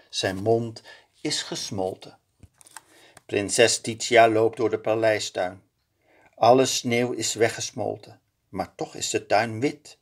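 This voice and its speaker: A man reading a children's picture book aloud in a slow, expressive storytelling manner. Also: medium pitch.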